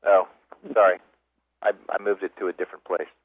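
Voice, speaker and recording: Man, meeting chair, heard over a crackly cordless phone; low husky voice, halting delivery, dry tinny line. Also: level tone, dry recording. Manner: halting, breaks off and restarts words. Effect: crackly, fuzzy cordless phone line. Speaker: meeting chair on a conference call. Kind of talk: chairing a business conference call.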